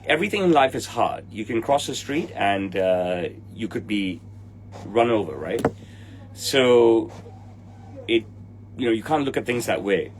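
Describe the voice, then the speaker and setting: A fairly low-voiced tailor in his forties bluntly and impatiently answers livestream viewers, swearing at commenters, in a Hong Kong English accent. A little hiss or hum runs under the audio. He's in an indoor room with trophies behind him.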